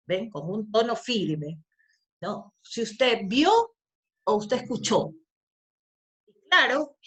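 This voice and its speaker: A woman with a mid-range, slightly bright voice lectures a law class. She's emphatic, stressing points by repeating key phrases and often checking in with tag questions.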